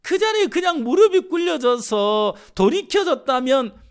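A man's voice: very high-pitched, moderate pace. A middle-aged man from Jeolla preaching a sermon, telling stories and acting out voices. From Jeolla, Korea. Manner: animated storytelling, acting out voices. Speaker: pastor.

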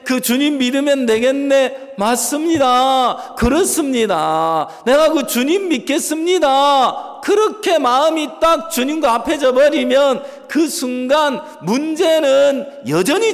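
A male pastor preaching a sermon, moving between loud stressed phrases and soft, quiet asides. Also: extremely high pitch. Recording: long hall reverb.

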